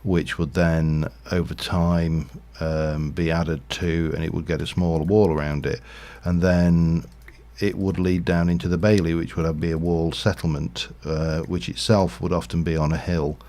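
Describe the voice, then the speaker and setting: Low gravelly man streaming. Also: flat delivery, moderate pace, hardly any pauses, warm tone. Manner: rambling, thinking aloud with frequent fillers. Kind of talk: casual Minecraft livestream commentary.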